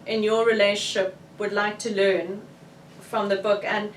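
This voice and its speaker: A woman's voice: medium pitch, little pitch movement, measured pace. A South African woman, an author, talks frankly and with animation at a bookshop launch. She sounds some distance from the mic. A roomy echo and faint room noise surround her voice. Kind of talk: candid book launch discussion.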